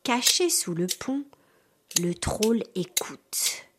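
Expressive woman reading a fairy tale. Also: medium pitch, extremely slow, a little hiss or hum. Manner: expressive, playful sound effects. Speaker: storyteller.

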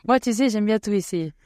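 A woman's voice: mid-range voice, mellow, dry recording, studio quality. Playful woman co-hosting radio. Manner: playful, teasing questions. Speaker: radio co-host. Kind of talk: casual interview chat.

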